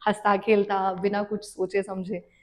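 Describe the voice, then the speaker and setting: A young woman guest on a podcast, telling her story in a reflective, unhurried way and mixing English words into her speech. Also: mid-range voice, flat delivery. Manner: mixes English words into Hindi talk. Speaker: podcast guest, devotional content creator. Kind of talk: casual interview chat.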